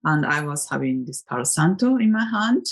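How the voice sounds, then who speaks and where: Husky low-voiced woman from Japan. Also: very animated, moderate pace. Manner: chatty and reflective, many fillers and restarts. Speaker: tarot vlogger. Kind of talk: casual rambling vlog.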